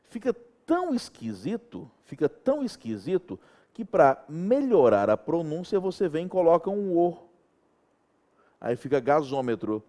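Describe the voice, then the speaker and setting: Animated Brazilian man teaching grammar. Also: a little high, unhurried. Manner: animated, checks in with students often. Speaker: Portuguese teacher. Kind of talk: grammar lesson.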